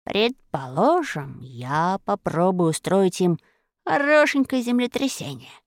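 A woman voicing an imperious, vengeful giant sorceress who schemes aloud in a lower, altered voice. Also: sing-song, a little slow, no echo, clean studio sound. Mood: scheming. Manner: commanding, scheming, mutters to herself.

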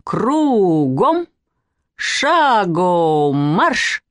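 A woman voicing a booming drill officer. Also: big pitch swings, no echo, studio quality, full character voice. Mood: commanding. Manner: barks commands in a drawn-out drill voice. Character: boastful middle-aged military officer, man.

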